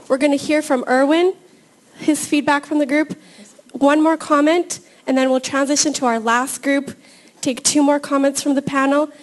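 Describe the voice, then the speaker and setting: High voiced lady running the panel, super gracious and upbeat. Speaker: moderator. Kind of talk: event moderating.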